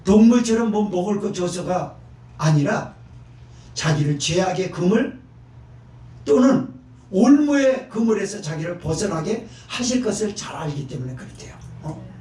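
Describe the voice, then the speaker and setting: A male pastor delivering a sermon in a high, ringing voice that swings from quiet asides to sudden shouts. He keeps checking in with the listeners between phrases. The sound is roomy and heard from some distance, as in a church hall. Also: lively intonation, measured pace. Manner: emphatic preaching with sudden shouted rises and frequent "어?" asides.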